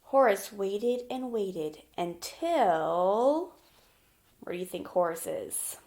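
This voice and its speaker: In a mid-range, slightly mellow voice, a woman teacher reads a children's picture book slowly and with animation. She discusses it simply as a lesson, regularly putting questions to the young listener.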